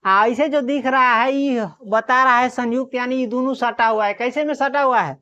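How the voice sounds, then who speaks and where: A woman teacher giving a classroom lesson on reading Hindi letters. She sounds out letters slowly one by one, then quizzes the class and answers herself. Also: high voice, fairly bright tone. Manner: drills by asking questions and answering them herself. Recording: dull lo-fi recording.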